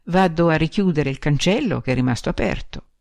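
A timid, saddened middle-aged man, speaking gently and without force, as a woman reads him aloud. The recording is close and dry. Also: low voice, lively intonation, a little fast, gravelly, no room sound. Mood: subdued. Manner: timid, gentle, then gloomy.

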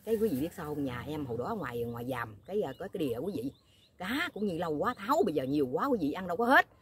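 A woman chats straight to her viewers, rattling off a rambling story at a quick clip. Her voice sits a bit low, and she keeps breaking in with asides to the audience. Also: sing-song, a little hiss or hum. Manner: rambling, chatty, keeps asking viewers "you know what?". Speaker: vlogger.

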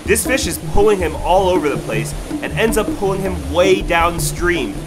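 A young man with a high voice and moderate pace excitedly narrates his first salmon catch for a fishing vlog. The earnest voice-over sits over loud background music, and the recording is rough.

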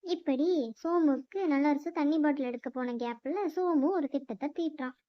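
A woman narrating a children's cartoon story in a lively storytelling way. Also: high voice, normal speed. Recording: slightly muffled dry voice-over.

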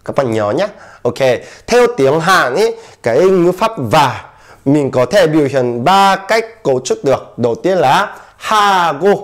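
A man's voice: on the high side, fairly bright tone. A man with a Korean accent teaching a casual online language lesson, repeating phrases for learners to copy and using lots of fillers.

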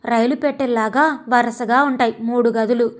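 A woman's voice: fairly high pitch, steady tone, moderate pace, lightly acted. Woman voicing a pleading young husband. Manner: pleading, apologetic. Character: young married man, torn and apologetic.

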